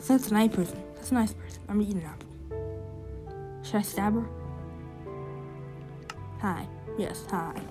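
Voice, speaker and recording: A woman who makes gaming videos, giving casual, excitable commentary while she plays and breaking into sudden gasps and shouts. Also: medium pitch, moderate pace, pauses often, over music, rough recording. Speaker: gaming YouTuber.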